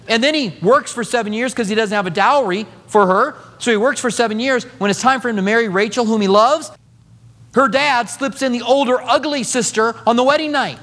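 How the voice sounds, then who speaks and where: A man's voice: very high-pitched, a little fast, in a large hall. A middle-aged man preaching a sermon as pastor, telling stories with humor. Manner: animated storytelling with humor.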